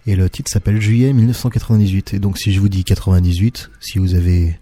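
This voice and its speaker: A man with a low-set voice and a very dark, mellow tone presents tracks on his podcast. He talks casually and haltingly, stopping to restart his sentences. The sound is dry and close, with no room around it. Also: level tone, no room sound. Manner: hesitant, halting with many fillers and restarts. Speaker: radio podcast host. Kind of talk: casual music show presenting.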